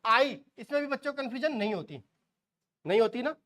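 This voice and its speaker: A man's voice: extremely high pitch, animated, a little fast, a bit bright. A man in his forties teaching shorthand, quizzing the class and answering his own questions, with folksy asides. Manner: homely asides and jokes. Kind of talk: classroom lecture.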